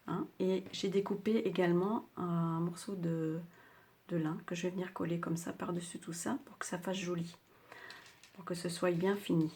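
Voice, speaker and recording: An older Frenchwoman hosting a craft tutorial, speaking softly with a slightly sore throat, chatty and hesitant with many fillers. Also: lowish voice, fairly even intonation, normal speed.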